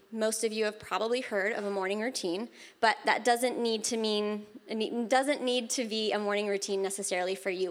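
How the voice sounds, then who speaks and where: A woman coach giving an upbeat motivational talk to a live audience in a room. She is emphatic and repeats her key phrases. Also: medium pitch. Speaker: women's coach and guest speaker.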